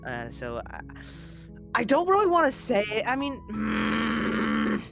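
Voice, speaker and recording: A woman streaming a game with casual, jokey, expressive chat. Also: on the high side, slow pace, gravelly, faint music behind. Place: voice call on a live stream.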